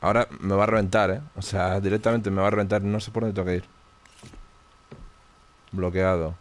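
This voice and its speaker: A man's voice: low voice, flat delivery, fairly quick. Tense Spanish man muttering over gameplay. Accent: Spain Spanish. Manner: tense, muttering, frequent swearing. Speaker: streamer. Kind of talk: live horror gameplay commentary.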